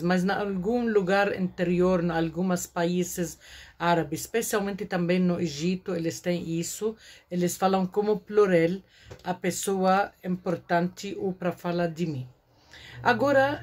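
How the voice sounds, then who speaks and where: Woman giving a language lesson, slow and patient, repeats words over and over, kinda husky, lowish voice. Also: darkish tone. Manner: slow, repeats words for students, broken Portuguese grammar. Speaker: Arabic teacher.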